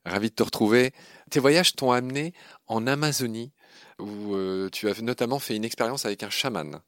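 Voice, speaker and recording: A man's voice: mid-range voice, moderate pace, fairly bright tone, no room sound, studio quality. A man hosting a podcast and interviewing a guest in a friendly, curious way. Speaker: podcast host. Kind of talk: casual interview.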